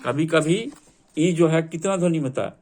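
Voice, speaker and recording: A man's voice: fairly high pitch, moderate pace, darkish tone. A man teaching English vocabulary to a class, drilling word meanings and asking students to repeat them.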